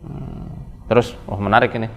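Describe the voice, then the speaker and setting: A man's voice: lowish voice, steady tone, moderate pace, gravelly, a bit bright, long reverb tail, a little hiss or hum. A man who gives a religious talk, then interviews a guest with short questions and murmured prompts.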